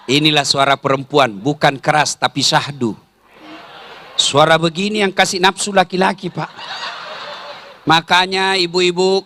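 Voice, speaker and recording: High, forceful man preaching with jokes. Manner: joking, teasing the audience; leads the crowd in chanting. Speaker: Islamic preacher. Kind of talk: humorous sermon. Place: large religious gathering.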